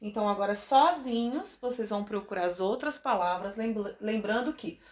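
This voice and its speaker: A woman teacher with a Brazilian Portuguese accent, giving a recorded class to young children and drawing out words slowly to sound out their syllables. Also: mid-range voice. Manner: drawn-out, stretching words to sound them out for children. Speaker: primary school teacher.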